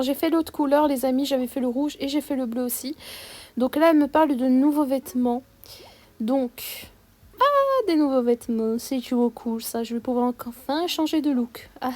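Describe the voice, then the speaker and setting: Young adult woman, high voice, chatty upbeat gameplay commentator. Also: darkish tone. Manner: chatty, upbeat, many fillers and restarts. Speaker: gaming YouTuber.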